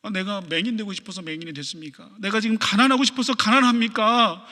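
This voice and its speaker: A man's voice: sits high, fast talker, pushed and bright. A male pastor voicing a desperate blind beggar who begs to be healed. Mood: aggrieved. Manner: crying out, begging. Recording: long church reverb.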